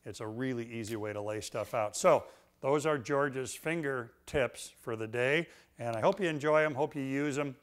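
A man's voice: mid-range voice, moderate pace. Middle-aged man, woodworking instructor, folksy, dry humor, shop demo, lapel mic. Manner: relaxed, folksy, joking. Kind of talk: instructional demonstration.

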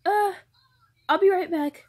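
A woman voicing a cheerful, bumbling female pony working a fast-food counter in a doll play, bubbly and apologetic. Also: extremely high pitch, a little mellow, pitched above the performer's own voice.

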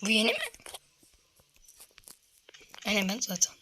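A woman's voice: medium pitch, unhurried, bright, forceful tone, a little hiss or hum. A woman giving casual commentary while playing a mobile shooter, grumbling and swearing in frustration. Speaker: gamer streaming a mobile battle royale.

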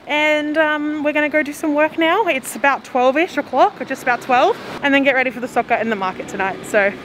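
A woman's voice: sits high, a little fast, a bit bright, rough recording. A young woman vlogging to a handheld camera as she walks through the city, chatting in a rambling way and often laughing. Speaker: travel vlogger. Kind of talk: casual walking vlog. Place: outdoors on busy city streets. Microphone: handheld camera at arm's length. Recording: street noise behind. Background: traffic and city street noise.

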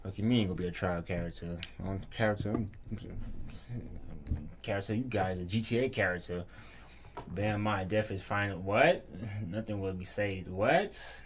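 A man's voice: fairly low pitch, normal speed, slight background noise. A young man giving casual, reactive game commentary, slangy and sweary, often repeating himself. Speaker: gaming video host. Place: small furnished room indoors. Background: game music.

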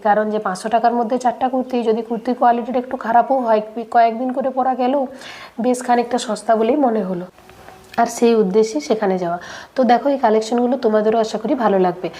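A young woman vlogger with a slightly high, dark-toned voice narrates her daily life while nursing a cold. She chats straight to her viewers, using lots of fillers.

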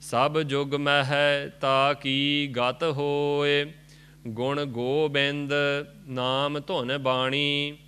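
A man recites scripture in a slow, drawn-out chant, line by line. His voice is bright and very clear, with a higher pitch than most men. The melody stays narrow and even. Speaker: student reciter.

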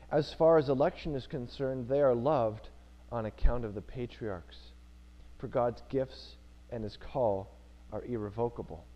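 Man preaching a sermon in church, earnest, repeats stuff for emphasis, kinda dull lo-fi sound. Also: mid-range voice.

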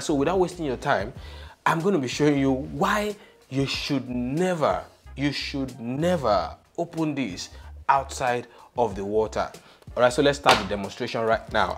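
A man's voice: on the low side, fairly bright tone. A young man hosting a poultry channel, explaining a hands-on demonstration step by step with emphasis, on a lapel mic in a small studio room.

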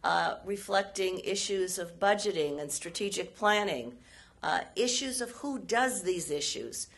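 A hoarse woman, a former State Department official, gives a formal policy lecture at a university event, speaking in measured phrases with frequent pauses. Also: medium pitch, animated, fairly bright tone. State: hoarse, frog in her throat.

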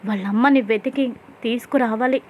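A woman's voice: fairly high pitch, moderate pace, lightly acted. A woman voicing a young married man who fires off teasing questions and then speaks earnestly about his own childhood, reading him in her own voice. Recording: dull lo-fi sound.

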